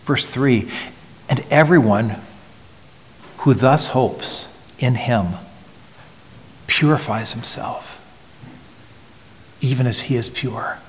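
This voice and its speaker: Slow, earnest preaching man in a reverberant hall. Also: mid-range voice. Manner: earnest, swings from loud emphasis to hushed near-whisper; repeats words in restarts. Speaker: pastor. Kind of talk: sermon.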